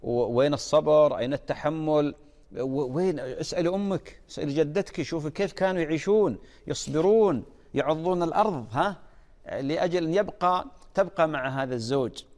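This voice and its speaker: A man's voice: a little high, a little mellow, long reverb tail. A man preaching an earnest sermon, often stalling and restarting mid-word.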